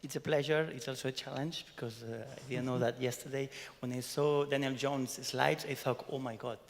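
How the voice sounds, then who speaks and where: Catalan accent guy at a conference, kinda gravelly, keeps saying "no?", echoey hall. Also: medium pitch, steady tone, brisk. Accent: Spanish (Catalan). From Barcelona, Spain. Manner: chatty, tags sentences with "no?". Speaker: conference speaker. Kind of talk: conference talk summarizing a workshop. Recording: long hall reverb.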